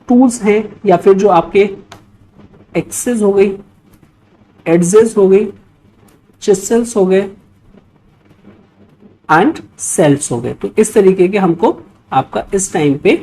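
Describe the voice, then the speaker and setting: An Indian woman teaching history to exam students speaks in a mid-range, mellow, soft-edged voice. Her explanatory lecture mixes Hindi and English as she reads out quiz questions and explains them. She instructs with frequent little check-in tags.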